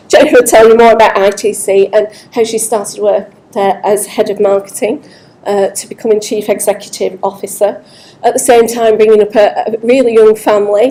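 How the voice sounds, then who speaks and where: A woman's voice: medium pitch, mellow, poor audio. A woman hosting a networking event, introducing the guest speaker in an upbeat, grateful way. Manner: upbeat, grateful, lots of big thank-yous. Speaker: event host and interviewer.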